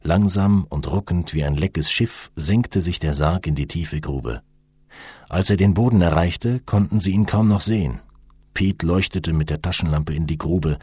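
Deep husky male narrator. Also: a little slow, dry recording, clean studio sound. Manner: expressive storytelling. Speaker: audiobook narrator. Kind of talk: scripted narration.

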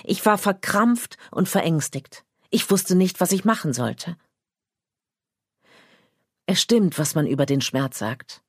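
A woman narrating a first-person literary story in a quiet, measured, intimate reading. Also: fairly low pitch, lively intonation, breathy edge, no room sound, clean studio sound. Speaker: audiobook narrator.

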